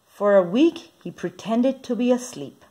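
A woman reading a children's picture book aloud, lively and expressive. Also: on the high side, a little slow, breathy edge. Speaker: storyteller.

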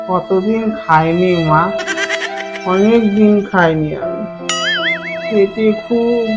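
A humble beggar, slow drawn-out pleading, sentimental, loud music behind. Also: male voice, sits high, creaky, heavily acted. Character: humble male beggar, pleading and overly grateful. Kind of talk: comedy sketch acting. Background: loud background music.

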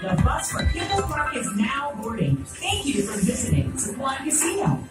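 A woman working as a radio presenter, making a sing-song announcement over a casino loudspeaker. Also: sits high, sing-song, normal speed, far from the mic. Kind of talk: public announcement. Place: casino floor. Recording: echoey loudspeaker heard from afar. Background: loud music.

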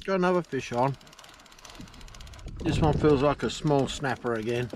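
A man's voice: mid-range voice, normal speed. A middle-aged Australian man giving blunt, casual running commentary while fishing from a small boat at sea, swearing freely and laughing easily. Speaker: fishing vlogger. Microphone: boat-mounted action camera. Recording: outdoor boat noise on camera mic.

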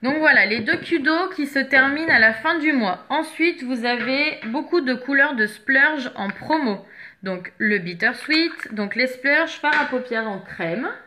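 A woman's voice: high voice, expressive, unhurried, bright, forceful tone, slight background noise. A woman chatting casually as she shows makeup products one by one, stopping now and then to hunt for a missing item. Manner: chatty, searches for products while talking. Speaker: makeup seller presenting products.

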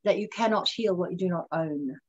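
A woman who is a radio interview guest, telling her own story earnestly and reflectively and slowing down on the lessons she wants to land. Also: on the low side, darkish tone, muffled recording. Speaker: guest speaker.

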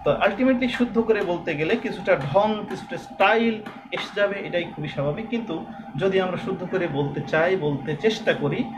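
A man from Bangladesh teaching a lesson, explaining patiently and slowly drawing out sounds as examples. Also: high voice, background noise. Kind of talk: recorded classroom lesson.

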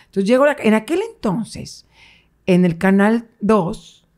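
Animated woman telling stories. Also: mid-range voice, unhurried. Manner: animated, acts out quoted voices, laughs often. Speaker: guest. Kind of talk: casual storytelling interview.

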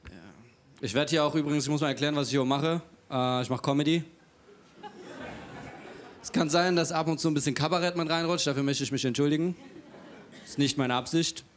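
A man doing a stand-up comedy set on stage before a live audience, with cheeky, deadpan self-mockery. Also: on the high side, brisk, long pauses, a little hiss or hum.

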